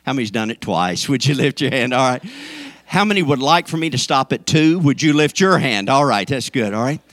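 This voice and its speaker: A man's voice: mid-range voice, animated, normal speed, a bit bright, dry recording, clean studio sound. A man preaching a sermon to his congregation, folksy and joking, swinging up into emphatic peaks. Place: church sanctuary.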